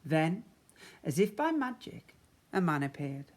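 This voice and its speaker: A primary school teacher reads a children's story aloud in a teacherly manner. His fairly high voice moves at a measured pace, expressive and emphatic for young listeners.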